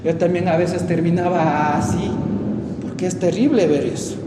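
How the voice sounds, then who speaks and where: A preacher with an Ecuadorian accent gives an emphatic sermon, swinging between loud outbursts and hushed asides. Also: male voice, high voice, fairly even intonation, normal speed. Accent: Ecuadorian Spanish. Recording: echoey hall with long reverb and faint noise.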